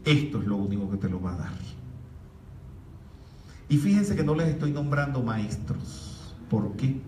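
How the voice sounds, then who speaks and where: In a Mexican lecture hall, a middle-aged metaphysics lecturer gives an emphatic spiritual talk to an audience, projecting like the former opera singer he is. His mid-range voice is darkish, and the echoey recording is far from the mic with faint hiss.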